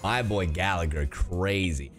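A low voice at a measured pace comes from this streamer and voice actor, with soft music behind him. He reacts casually to his chat, slangy and emphatic, saying things again to drive them home.

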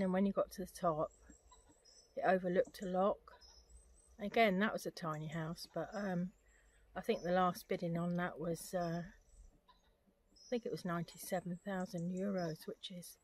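A middle-aged woman chatting casually to camera as a vlogger, rambling conversationally and adding tag questions. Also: fairly low pitch. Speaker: gardening vlogger. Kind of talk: casual catch-up chat to camera.

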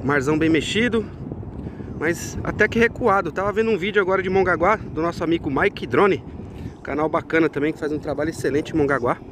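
A man's voice: a little high, brisk, background noise. A man, chatting casually to viewers while walking a market and a beach, recorded on a handheld phone outdoors. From Brazil. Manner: chatty, keeps addressing viewers as friends. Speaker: vlogger.

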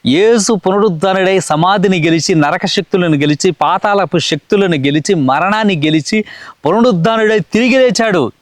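Earnest high-voiced male preacher. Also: dry recording. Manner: earnest, repetitive preaching cadence. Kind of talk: sermon.

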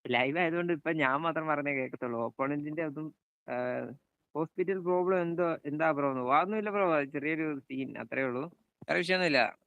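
A young man with a Malayali accent chats his way through a live football game stream, calling out passes and welcoming viewers one by one. His voice sits high and clear, with a crisp, smooth tone. The sound is dry and close, with no room around it. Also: a little fast, no echo, narrow, tinny audio. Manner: chatty, calls out passes and greets viewers by name.

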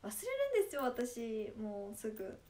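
A woman's voice: on the high side, steady tone, moderate pace, darkish tone. A young woman from Nagasaki speaking in Nagasaki dialect, chatting playfully with viewers on a casual livestream and laughing often. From Japan, Nagasaki. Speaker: idol livestreamer.

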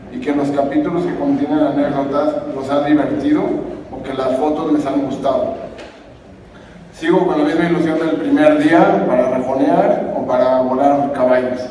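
A man's voice: on the high side, mellow. A man in his thirties giving polite, earnest thanks as a rejoneador and book author at a book launch, speaking into a table microphone. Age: 30s. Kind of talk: thank-you speech and interview answers. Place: book launch hall, indoors. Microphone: table microphone at the panel. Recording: distant, echoey hall with background noise.

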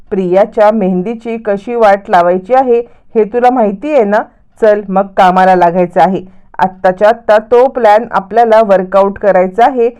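A woman's voice: on the high side, dark tone, clear, resonant tone, close to an everyday voice. A woman voicing a scheming young woman who firmly lays out her plan in a retold serial story.

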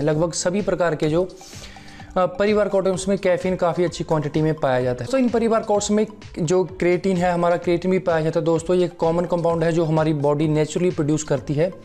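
He's a young fitness vlogger whose voice sits high and sounds warm. On a lapel mic from his living room sofa, he reviews a fitness supplement to camera, explaining things amiably and often speaking to viewers as friends.

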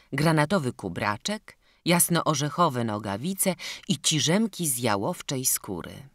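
A woman narrating an audiobook of a children's classic in an expressive storytelling manner. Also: a bass voice, no echo, clean studio sound. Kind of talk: scripted narration.

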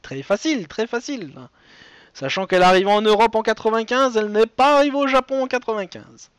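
French male quiz host, high-pitched, dry close sound, rambling and jokey. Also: a little fast, clear, resonant tone, dry recording. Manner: chatty, joking asides, many restarts. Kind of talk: live-streamed quiz hosting.

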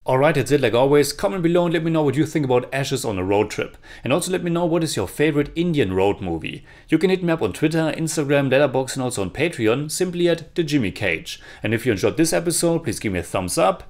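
Young guy w doing a movie review to camera, steady n friendly, small room. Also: fairly high pitch, quick pace, hardly any pauses. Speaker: film reviewer. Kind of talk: scripted video review. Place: small indoor room with shelves of film posters. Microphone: camera framed chest-up, mic not seen.

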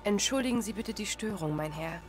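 A woman's voice: medium pitch, animated, fairly quick, soft background music, close to an everyday voice. An actress playing a young undercover woman spy who speaks politely and with poise in a game. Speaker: undercover resistance agent.

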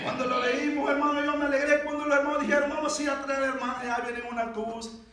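A man preaching a fervent sermon, shouting his praises and calling the listeners "brother" again and again, while a congregation answers amen. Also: very high-pitched, little pitch movement, fast talker. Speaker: lay preacher. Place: church hall. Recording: echoey church, from far off.

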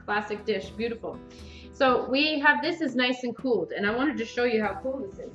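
A woman's voice: a little high, fairly quick, fairly bright tone, echoey room, muffled recording, faint music behind. A woman in her thirties hosting a home cooking video in her kitchen, chatty and enthusiastic, praising the food as she explains each step. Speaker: cooking show host.

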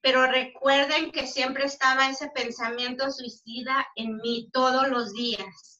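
A woman giving a halting, emotional personal testimony, with frequent pauses and fillers. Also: sits high, steady tone, bright, forceful tone. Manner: earnest and emotional. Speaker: member sharing a personal story. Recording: distant, muffled lo-fi recording.

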